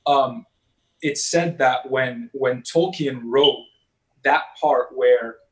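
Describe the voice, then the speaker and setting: A man's voice: mid-range voice, low-quality recording. A man talking films in a loose, casual way. He stops and restarts often, filling gaps with "um" and "like," in an ordinary mid-range voice. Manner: halting, heavy on fillers and restarts. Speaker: podcast panelist. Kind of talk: casual film discussion.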